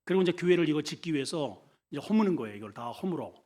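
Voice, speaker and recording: Middle-aged man preaching, high, very lively voice, animated storyteller who leads call-and-repeat. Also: fast talker. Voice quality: mock shouts for comic voices. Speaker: senior pastor. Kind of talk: sermon.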